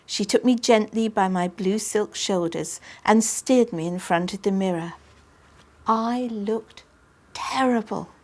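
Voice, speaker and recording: A woman, reading her own children's book aloud with lively expression. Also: mid-range voice, slow. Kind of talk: audiobook reading.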